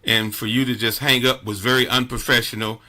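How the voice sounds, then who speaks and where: A man's voice: mid-range voice, flat delivery, brisk, pushed and bright. A man hosting a radio talk show, venting indignantly and stammering through many restarts.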